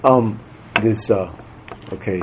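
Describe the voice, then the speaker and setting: A man chairing a local meeting, talking in a halting way with many fillers and restarts. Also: lowish voice, noisy background. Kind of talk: casual meeting talk.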